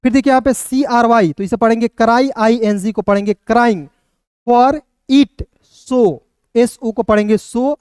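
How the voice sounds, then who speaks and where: A man teaching an online English reading lesson, spelling words out letter by letter, then pronouncing them slowly and checking in with his viewers again and again. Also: very high-pitched, a little mellow, smooth, dry recording, clean studio sound. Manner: keeps addressing viewers as friends and checking with "okay".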